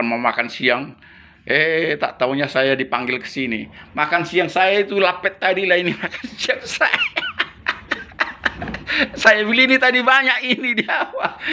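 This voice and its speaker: This missionary pastor's voice is high-pitched with a sharp tone. Chatting casually, he shares stories, laughing often and performing other people's words as he quotes them.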